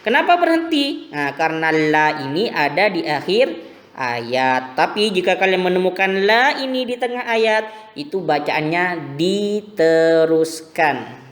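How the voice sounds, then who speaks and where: A man teaching a recorded religion lesson to primary school pupils, explaining slowly and patiently. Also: sits high, animated, a bit bright, big-room sound. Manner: slow, patient explaining to children.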